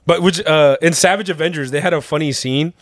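Young man, excited podcast chatter, fairly high voice, dry close sound. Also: fairly quick, no echo. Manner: excited, laughing, slangy. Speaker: podcast co-host. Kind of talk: casual chat.

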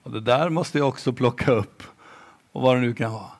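A man preaching a sermon slowly and emphatically, at times dropping to a near-whisper. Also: medium pitch.

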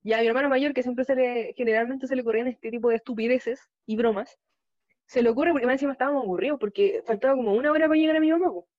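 A young woman with a Chilean Spanish accent, co-hosting a podcast in relaxed, casual chat. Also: on the high side, racing, no room sound, muffled recording. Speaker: podcast co-host.

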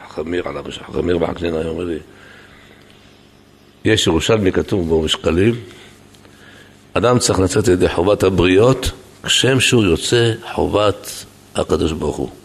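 A male rabbi with an Israeli Hebrew accent preaching a sermon to a congregation, acting out dialogue and shouting repeated words for emphasis. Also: low-pitched, creaky, pauses often, slightly rough. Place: synagogue hall with congregation.

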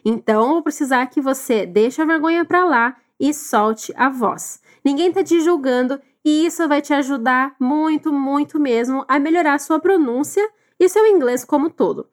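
A woman teaching English, encouraging listeners and drilling phrases slowly for them to repeat. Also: high voice. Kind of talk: recorded language lesson.

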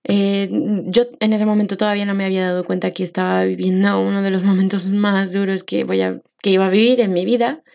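A young woman from Mexico talks through her own story on a solo podcast. She has a Mexican accent and speaks reflectively, pausing on fillers and restarting her sentences. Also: medium pitch, flat delivery, gravelly, darkish tone. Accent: Mexican Spanish. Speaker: podcast host. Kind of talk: personal monologue podcast.

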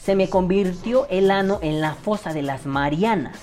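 A man's voice: high-pitched, moderate pace, darkish tone, faint music behind. A Mexican man hosting a casual commentary, crude and sarcastic as he critiques another creator. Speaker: vaping commentary host. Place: at his desk on camera.

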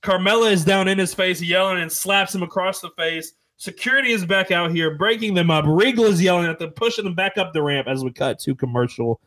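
Man, fairly high voice, wrestling play-by-play, excitable, stumbles over words. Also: fairly quick, few pauses, rough recording. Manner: excitable, with frequent fillers and self-corrections. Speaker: commentator. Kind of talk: play-by-play narration of a wrestling video game.

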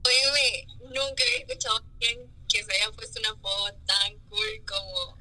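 A woman interviewing two musicians in a casual chat, upbeat with quick reactions. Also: a little high, big pitch swings, bright, forceful tone, low-quality recording.

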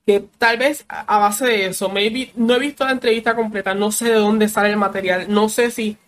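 Man, high voice, podcast co-host, musing, thinks aloud. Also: fairly even intonation, moderate pace, a bit bright. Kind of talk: casual podcast chat.

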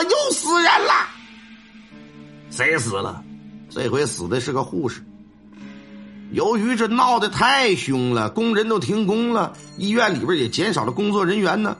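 A man telling a ghost story in a colloquial, lively way, stretching words for emphasis. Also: sits high. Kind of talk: spoken ghost story narration.

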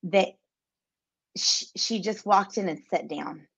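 A woman guest in an interview, an adoptive mother speaking warmly and reflectively. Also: mid-range voice, gravelly, slightly rough, no room sound. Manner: warm, reflective, slow and searching. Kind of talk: conversational interview. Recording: slightly dull lo-fi sound.

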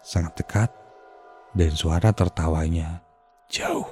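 Deep, dark-voiced man telling ghost tales. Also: takes it slowly, slight background noise. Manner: hushed, suspenseful, dropping to near-whispers. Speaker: podcast host. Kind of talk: storytelling a ghost encounter. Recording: faint music behind the voice.

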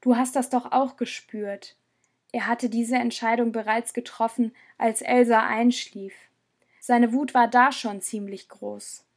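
Brief: calm explaining boy; female narrator voices him, slightly high. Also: measured pace. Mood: sober. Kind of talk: audiobook character voice.

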